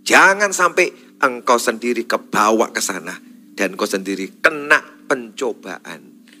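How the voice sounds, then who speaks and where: A man preaching a church sermon in Indonesian with a Javanese accent, pressing warnings again and again and swinging between loud emphasis and hushed asides. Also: medium pitch, lively intonation, a little slow, soft background music. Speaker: pastor. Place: church service.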